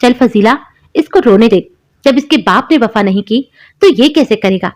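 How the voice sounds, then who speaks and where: Woman doing a harsh sister-in-law, taunting, spiteful, higher voice, cartoon story. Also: animated, normal speed, lightly acted. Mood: angry. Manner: sharp, taunting.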